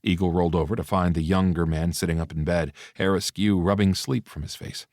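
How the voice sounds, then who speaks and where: Very deep male audiobook narrator. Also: steady tone, a little fast, darkish tone, dry recording, clean studio sound. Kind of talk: scripted narration.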